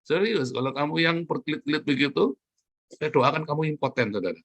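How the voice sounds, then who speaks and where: Husky fiery preacher man. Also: animated, a little fast. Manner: fiery, mocking, swings between loud jabs and low asides. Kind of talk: sermon.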